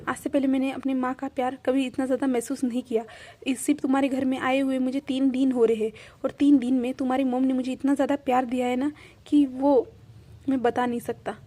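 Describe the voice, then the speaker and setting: A woman's voice: high voice, little pitch movement, brisk, warm tone. A woman voicing an emotional young man who rambles through happy tears. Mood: tearful. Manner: tearful, rambling.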